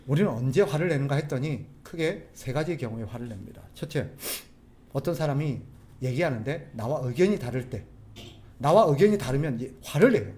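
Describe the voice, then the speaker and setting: A man preaching a sermon as a pastor, animated, putting rhetorical questions to the congregation. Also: medium pitch, a little fast. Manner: acts out quoted people's voices.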